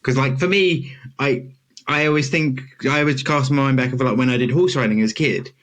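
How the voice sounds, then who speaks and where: A man's voice: medium pitch, a little fast, a bit bright. Chatty young British man hosting a podcast. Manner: chatty, joking, many restarts. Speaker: podcast host. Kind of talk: casual chat.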